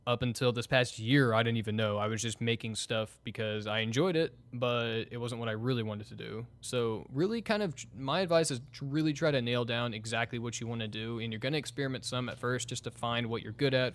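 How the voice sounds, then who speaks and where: A man's voice: medium pitch, a bit bright. A young man co-hosting a casual gaming podcast, rambling and laughing often, with some casual swearing. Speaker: podcast co-host.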